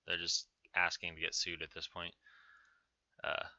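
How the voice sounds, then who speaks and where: A man's voice: low voice, monotone, measured pace, bright, forceful tone, no room sound. A man giving informal, offhand commentary on game patch notes as a video host. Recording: dull, narrow-band sound.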